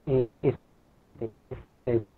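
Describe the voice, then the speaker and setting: A man's voice: mid-range voice, fairly even intonation, drawn-out words. A man moderating an online seminar over a bad phone connection that breaks up, talking hesitantly with many fillers. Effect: bad phone connection, thin and breaking up. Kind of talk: casual hosting over a video call. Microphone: cellphone on a video call. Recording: tinny phone line with faint noise.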